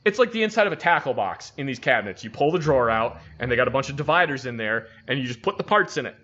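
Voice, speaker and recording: A man casually telling an animated, profane story about his army days, acting out the people he quotes. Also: mid-range voice, fast, muffled recording. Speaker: army veteran telling stories.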